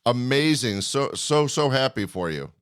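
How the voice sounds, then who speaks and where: Male podcast host, medium pitch, complimentary and conversational, recorded close and dry. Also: expressive, unhurried, no echo. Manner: effusive, complimentary. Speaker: podcast interviewer. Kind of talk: conversational interview.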